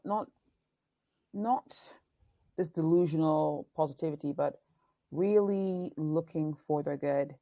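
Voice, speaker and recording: A woman in her forties, a documentary producer and speaker raised in Nigeria, England and the United States, answers interview questions as a guest. Her deep, mellow voice comes through with no echo, and she is thoughtful and earnest, often restarting sentences.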